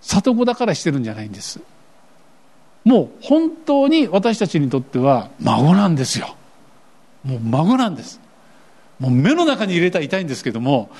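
A man's voice: sits high, darkish tone. An older man preaching a sermon as pastor, asking his congregation questions and acting out the voices he quotes.

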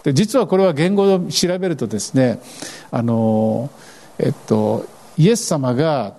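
A man preaching a sermon as pastor, animated and expressive, acting out scripture lines as he goes. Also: medium pitch, measured pace.

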